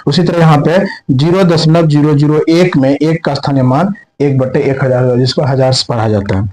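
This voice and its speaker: Male maths teacher, fairly high voice. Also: moderate pace, a little mellow, rough recording. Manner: asks the class questions and answers them himself; repeats and rephrases points, mixes in English terms. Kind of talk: classroom lesson explaining on a board.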